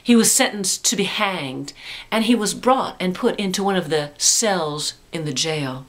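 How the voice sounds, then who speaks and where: A woman guide narrating a ghost story in a theatrical, deliberate way that drops into a spooky hush. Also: lowish voice, lively intonation.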